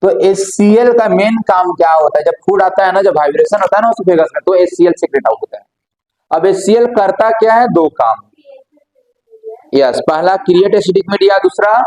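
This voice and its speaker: High-voiced teacher quizzing his class. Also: a little mellow, rough recording. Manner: asks questions and answers them himself, calls students brother. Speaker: biology teacher. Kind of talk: classroom lecture.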